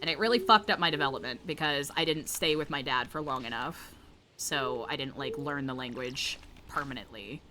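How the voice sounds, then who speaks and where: Over background noise, a woman with a very deep voice talks at normal speed while gaming on stream. Her first language is Vietnamese, and her casual chatter is rambling, profane and self-deprecating.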